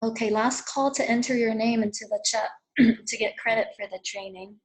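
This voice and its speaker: Over a video call, a host who grew up speaking Vietnamese closes out a therapy training webinar with friendly encouragement. Her voice is a little high, with fairly even intonation and a moderate pace. The recording is low quality.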